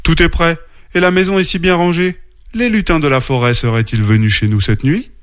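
A man's voice: medium pitch, sing-song, brisk, no echo, studio quality, natural voice. A man reading a storybook and voicing a stern but loving father bear who scolds and comforts. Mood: warm. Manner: scolding yet kindly. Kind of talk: storybook narration.

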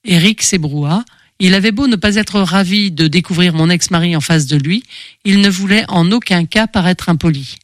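A woman narrating a first-person novel in an audiobook, steady and expressive. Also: on the low side, normal speed, dry recording.

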